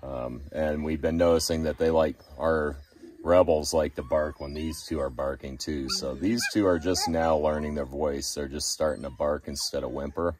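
Very deep-voiced man outdoors. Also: normal speed, a little hiss or hum. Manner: relaxed, rambling, adds "you know". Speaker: homestead vlogger. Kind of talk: casual chat to camera. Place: outdoors on a desert homestead. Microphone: camera held at arm's length. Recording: distant outdoor camera sound.

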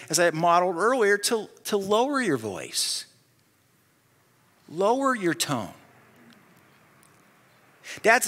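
An older man preaching a sermon as a pastor, talking conversationally and often turning to the listeners with quick asides. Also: on the high side, pushed and bright, big-room sound.

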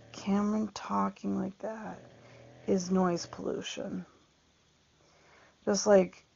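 A woman's voice: mid-range voice, creaky. A middle-aged woman chatting in a meandering way, repeating words and laughing often. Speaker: vlogger. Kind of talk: casual rambling monologue. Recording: dull lo-fi recording.

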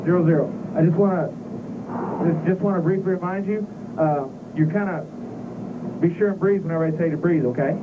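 High-pitched male instructor on a noisy intercom. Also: brisk. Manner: urgent, clipped commands and counting. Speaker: centrifuge training instructor. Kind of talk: coaching and counting breaths for high g-force training. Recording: tinny phone-like intercom with machine noise.

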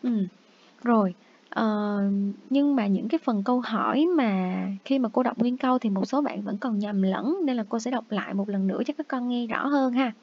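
Here a teacher with a slightly high voice patiently coaxes young children through review, slowly enunciating English words one at a time and repeating each. The recording quality is muffled and lo-fi.

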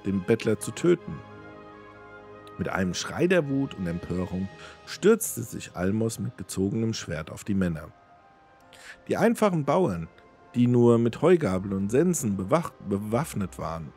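A man hosting a let's play, reading an in-game book aloud with expressive storytelling and offhand asides. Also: on the low side.

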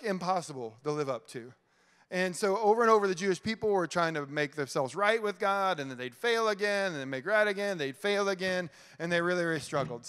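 A middle-aged man giving an energetic, chatty youth sermon full of "like", in a church hall. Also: high voice. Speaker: youth pastor. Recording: long hall reverb.

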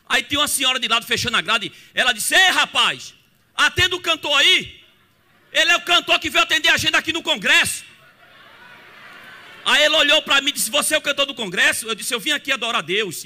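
A man with a Pernambuco accent, a gospel singer telling a lively testimony in church that breaks into singing and shouted praise, with music behind him. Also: extremely high pitch. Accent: Pernambuco Brazilian Portuguese.

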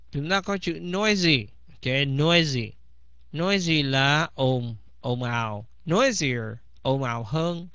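In a bilingual lesson, a man teaches English vocabulary, saying each word several times. His mid-range voice has a fairly bright tone. The recording is dry with no echo and sounds slightly dull.

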